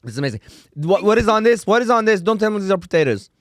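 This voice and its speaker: Male co-host, playful and questioning, lively delivery, dry close mic. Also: sits high, very fast, dry recording. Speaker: podcast co-host. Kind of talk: casual podcast chat.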